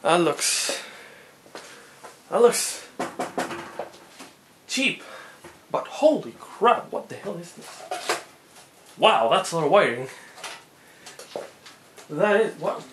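A man's voice: on the high side, lively intonation, slow pace, pauses often, noisy background. A man vlogging a hardware teardown, rambling as he thinks aloud and often sounding amazed. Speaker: tech hobbyist vlogger. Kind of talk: unboxing and teardown narration.

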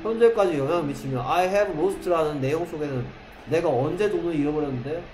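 A man with a slightly high voice teaches English grammar in a classroom, firing rhetorical questions at his students and drawing out English example sentences one word at a time. The room is echoey, with a faint hum behind him. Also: brisk, a little mellow.

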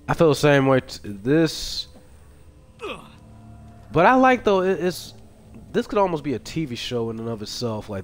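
A man streaming a video game live, reacting out loud with swearing and excited outbursts while he talks to himself and his chat. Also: mid-range voice. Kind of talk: live gameplay commentary.

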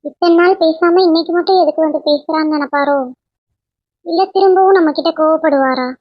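A woman voicing a young cartoon wife who talks softly and apologetically to her husband. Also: extremely high pitch, a little fast, no echo, muffled recording. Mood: hesitant. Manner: soft, apologetic.

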